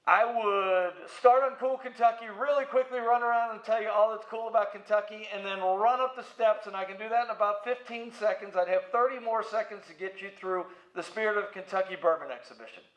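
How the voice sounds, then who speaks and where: Speaking briskly with few pauses, a middle-aged American museum president and CEO tells playful, anecdote-filled stories as an interview guest. His high-pitched voice has a bit of brightness, captured in an echoey room with slightly dull sound.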